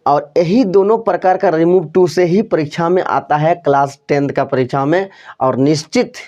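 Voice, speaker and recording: A man teaching English grammar in Hindi, slowly working through example sentences and repeating each step. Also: fairly high pitch, a little mellow, muffled recording.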